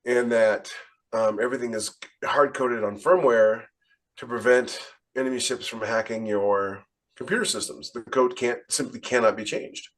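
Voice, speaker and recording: His medium-pitched voice holds a fairly even intonation at a normal speed. The man, a military veteran and podcast host, rambles through casual anecdotes and often repeats the beginnings of phrases.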